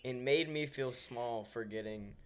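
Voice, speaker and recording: A man's voice: medium pitch, measured pace, a crowd in the background. A young man who is a podcast guest, joking in a dry, laid-back way in casual chat.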